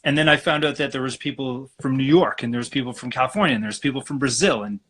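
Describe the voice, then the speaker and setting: A man from Alberta, Canada, talking as a guest acupuncturist in a relaxed, rambling way over a video call. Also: mid-range voice, fast, breathy edge. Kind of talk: casual live-stream interview.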